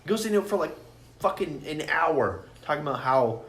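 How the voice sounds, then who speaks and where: A man with a fairly high, slightly bright voice talks briskly and expressively as he co-hosts a podcast. He chats about films like a fan, arguing and swearing freely, in an echoey room with clear background noise.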